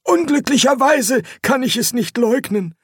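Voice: high voice, lively intonation, a little slow, slightly rough, no room sound, clean studio sound, pitched above the performer's own voice, heavily acted. A reader voicing a mild-mannered older male prisoner in an audiobook, polite and pleading. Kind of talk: audiobook character voice.

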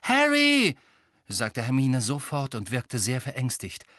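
A man narrating an audiobook with lively, tense storytelling. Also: mid-range voice, normal speed, no room sound, studio quality. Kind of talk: scripted narration.

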